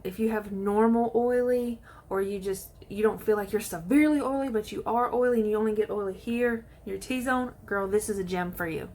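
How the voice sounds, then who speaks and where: A woman chatting excitedly to viewers while she does her makeup in a casual tutorial. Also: mid-range voice, a little hiss or hum. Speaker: beauty vlogger.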